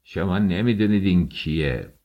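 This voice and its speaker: A man's voice: deep voice, dull audio. A man voicing a fawning, secretive coachman. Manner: hushed, conspiratorial, pleading.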